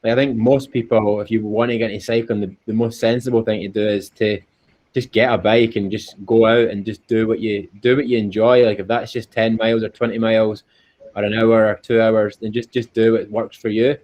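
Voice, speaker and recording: The interview guest, a Scottish endurance cyclist, has a lowish, slightly mellow voice with little pitch movement and talks a little fast. The chat is casual and earnest, he repeats himself often, and the call sound is dull and lo-fi.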